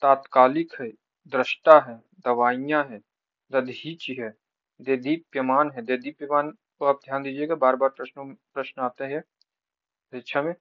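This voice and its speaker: A man's voice: mid-range voice, steady tone, dry recording. Man drilling spelling words, dry lo-fi. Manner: rapid rote listing, repeating each word with brief tips. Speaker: teacher. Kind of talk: exam-prep spelling lesson, reading word lists.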